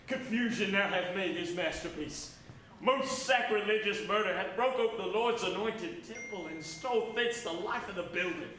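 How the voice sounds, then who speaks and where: Man acting high-pitched, hammy, horror-stricken stage nobleman. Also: moderate pace, fairly bright tone. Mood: urgent alarm. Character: horror-stricken nobleman raising the alarm over murder. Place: indoor stage performance. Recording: echoey theatre, distant microphone, faint noise.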